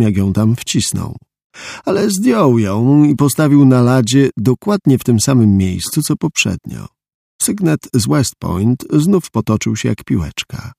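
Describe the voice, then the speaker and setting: A man's voice: medium pitch, creaky, dark tone, husky, no room sound. A man narrating an audiobook in a dry, matter-of-fact storytelling manner. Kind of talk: scripted narration.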